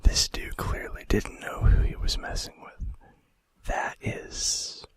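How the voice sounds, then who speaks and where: An ASMR video host reads fun facts in a soft, breathy, unvoiced whisper. He is unhurried and drops in casual asides, and the recording is dry.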